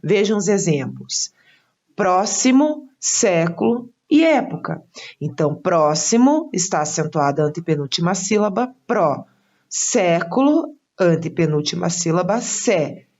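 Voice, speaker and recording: Brazilian female teacher, steady read explanation, lowish voice, muffled lo-fi recording. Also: measured pace. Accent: Brazilian Portuguese. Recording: dull lo-fi sound.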